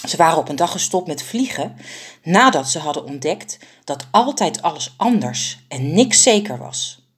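A woman's voice: low-pitched, normal speed, breathy edge. Woman reading a children's story. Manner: lively, expressive storytelling. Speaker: author and narrator.

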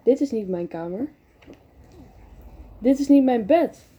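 A woman's voice: a little high, lively intonation, slow, warm tone, slightly rough, highs cut off, heavily acted. A woman voicing a frightened young male animal who is lost at night, in an anxious, bewildered inner voice from a storybook reading.

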